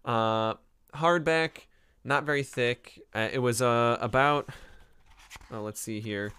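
A man's voice: mid-range voice, takes it slowly, bright, forceful tone, clear, resonant tone. A man hosting a casual book review podcast as an anthropology professor, chatty and digressive with frequent ums and uhs, recorded live from his home library.

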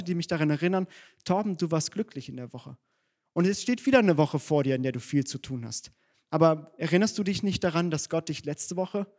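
Man, pastor, sermon, earnest direct preaching, slightly high voice. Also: darkish tone. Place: church.

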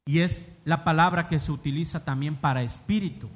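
A man's voice: on the high side, fairly quick. A man with a Mexican accent preaching a sermon, reading scripture dramatically and putting rhetorical questions to the congregation. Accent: Mexican Spanish. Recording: long reverb of a large hall.

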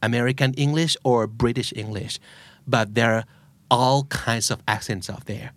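A man's voice: medium pitch, drawn-out words, dry recording. A man hosting a casual podcast about learning English, explaining things patiently. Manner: explains patiently, mixes Thai and English, polite particles.

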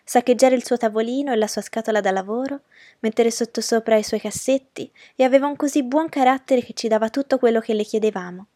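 A woman reading aloud and voicing a sweet, childlike young lady who chatters in a soft, girlish way. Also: fairly high pitch, fast, no room sound, clean studio sound, close to an everyday voice. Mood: chatty. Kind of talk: audiobook character reading.

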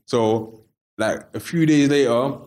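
A man's voice: medium pitch, takes it slowly, a little mellow. A man with a London roadman accent, telling stories casually in street slang as an interview guest and acting out the dialogue.

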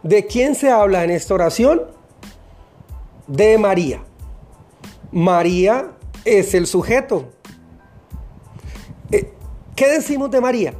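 A teacher gives a recorded lesson for children, speaking in a patient, deliberate way and spelling out each step. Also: mid-range voice, animated, darkish tone, faint music behind.

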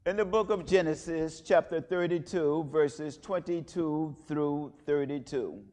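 A man leading a church service, intoning prayers and reading scripture in a measured, solemn way, with a cathedral echo around his voice. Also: a little high, mellow. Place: large church. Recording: long echoing church reverb.

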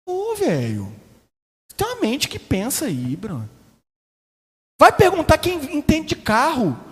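Sarcastic Brazilian pastor with a lively voice. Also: male voice, very high-pitched, takes it slowly. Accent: Brazilian Portuguese. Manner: sarcastic, joking, slangy. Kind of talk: sermon. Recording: echoey hall.

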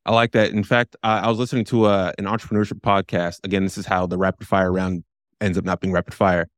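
A man's voice: low voice, little pitch movement, quick pace, no room sound, clean studio sound. A man co-hosting a podcast interview, talking in a loose, rambling way with many restarts. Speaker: podcast co-host.

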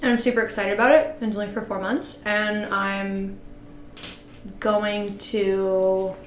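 A woman's voice: mid-range voice, level tone, unhurried, echoey room, a little hiss or hum. A Canadian woman co-hosting a casual podcast, bubbly and enthusiastic as she chats with friends. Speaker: podcast co-host. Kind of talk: casual chat.

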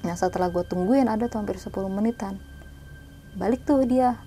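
A young woman casually telling a spooky story in slangy talk, sometimes hushed, sometimes animated. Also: medium pitch, a little fast, soft background music.

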